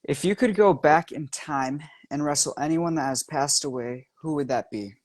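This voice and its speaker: A man's voice: on the high side, normal speed, darkish tone. A man hosting a casual interview, asking questions and giving short back-channel replies. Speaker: interview host.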